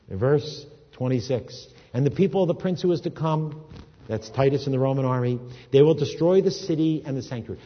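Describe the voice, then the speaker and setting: A man preaching a sermon, animated and swinging from loud to hushed. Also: on the high side, husky. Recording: reverberant hall, dull sound.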